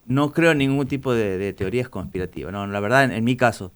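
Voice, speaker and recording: A man's voice: medium pitch, quick pace, smooth. An Argentine man talking as a journalist guest on a radio show, hesitant, with many fillers and restarts. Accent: Argentine Spanish. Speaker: journalist guest back from covering the World Cup. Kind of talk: casual radio interview.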